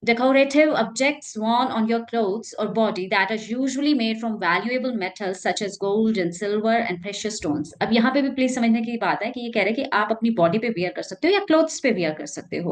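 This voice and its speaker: A woman teaching an English vocabulary lesson, explaining patiently and reading dictionary definitions slowly. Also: medium pitch.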